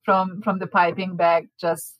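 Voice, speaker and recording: A woman's voice: on the low side, flat delivery, unhurried, dry recording, dull audio. A woman from Hungary with a Hungarian accent, chatting casually as a baking class teacher, laughing often and restarting her words. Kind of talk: casual chat.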